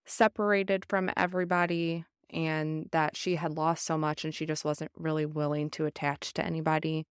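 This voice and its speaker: Young Southern woman, book podcast host; earnest, reflective, clear voice. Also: low-pitched, little pitch movement, moderate pace, no room sound, studio quality. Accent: Southern American. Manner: earnest, reflective, many fillers. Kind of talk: casual book discussion.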